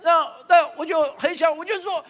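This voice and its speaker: A man's voice: very high voice, normal speed, big-room sound. A middle-aged male pastor giving a sermon, telling stories about his family and acting out what each person says. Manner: animated storytelling, acting out family dialogue. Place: church stage.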